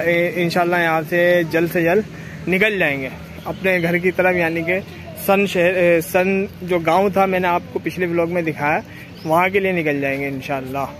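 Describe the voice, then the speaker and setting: A young man with a high-sitting, fairly even voice chats to his viewers at a moderate pace in a casual travel vlog, recorded on a clip-on lapel mic with noisy background. He starts outdoors under trees, then rides a motorbike along dusty rural roads.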